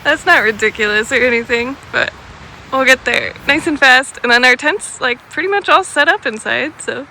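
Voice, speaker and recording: A woman's voice: sits high, moderate pace, bright, forceful tone. A woman hosting a vlog, talking casually as she narrates, in a noisy on-location recording. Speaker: vlog host.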